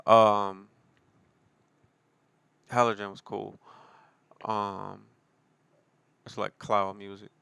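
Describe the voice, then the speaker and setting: A man's voice: fairly low pitch, flat delivery, very slow, creaky, long pauses, fairly bright tone, smooth, no echo. A man, a rapper and producer, talking casually about his own album in a laid-back way, full of slang and fillers. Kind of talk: casual solo talk.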